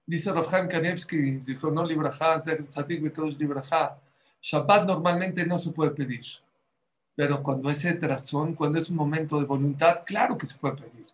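A man's voice: on the high side, fairly even intonation, moderate pace. A man preaching a fervent sermon to a group of women, rising to emphatic peaks.

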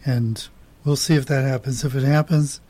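Male guest, mid-pitched voice, matter-of-fact, dry wit. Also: steady tone, normal speed, dark tone. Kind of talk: casual chat.

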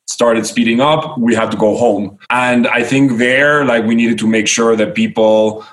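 A man with a fairly low voice talks as a startup founder being interviewed. His manner is tech-bro, conversational and full of business jargon. He peppers his sentences with "like" and checks in with short tags such as "right?" and "no?".

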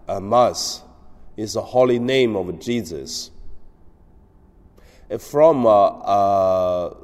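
A man with a low-set voice delivers a homily at a very slow pace, hesitating often between phrases. The sound is that of a large church, with a long cathedral echo hanging after each sentence. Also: darkish tone. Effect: cathedral echo, long church reverb. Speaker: priest. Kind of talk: gospel reading and homily.

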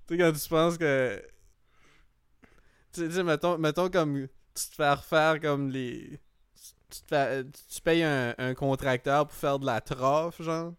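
A man's voice: a little high, fairly even intonation, a little slow, clear, resonant tone, no room sound, studio quality. Rambling man with a Quebec French accent. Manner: rambling, repeats himself, peppers talk with English slang. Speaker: podcast host. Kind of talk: casual chat, comic anecdote.

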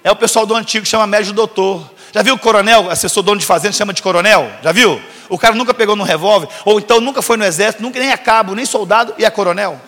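A pastor delivers a comic sermon, his raised voice ringing through a long, reverberant church hall. He talks at a brisk clip and slips into the voices of the people in his stories. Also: high-pitched, fairly bright tone. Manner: acts out dialogue, teasing congregation with jokes. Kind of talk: humorous storytelling sermon.

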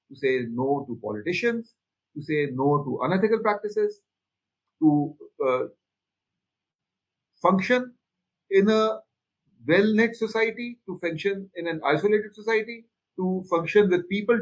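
Husky, higher-pitched Indian man making his case. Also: rough recording. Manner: emphatic, repeats phrases to drive points home. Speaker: panelist. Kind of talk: opinionated discussion.

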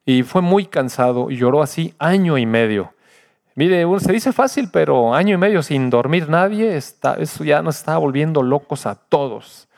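Older male pastor, fairly high voice, earnest testimony sermon that drops from loud to hushed. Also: lively intonation, normal speed, vocal fry.

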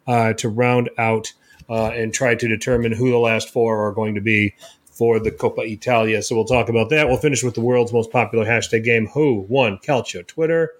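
A man's voice: mid-range voice, steady tone, normal speed. A man hosting a casual football podcast, recapping matches with lots of fillers and restarts. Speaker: podcast host.

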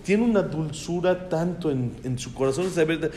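A man's voice: fairly high pitch, unhurried, a little mellow, a little hiss or hum. Man teaching with admiring repetition. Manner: admiring, repetitive phrasing with frequent restarts. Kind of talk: informal Torah class talk.

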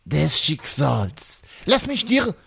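A man's voice: fairly high pitch, huge pitch swings, slow, bright, forceful tone, full character voice. A man voicing a scheming, melodramatic Camembert crown prince in a comedy audio sketch. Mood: scheming whisper. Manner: melodramatic, mock-pompous, drops to a hoarse whisper.

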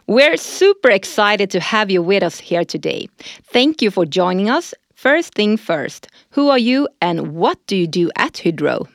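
A woman's voice: mid-range voice, very animated, unhurried, gravelly, no room sound, clean studio sound. A woman hosting a corporate podcast who reads prepared lines and agrees with her co-host. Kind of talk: scripted corporate podcast dialogue.

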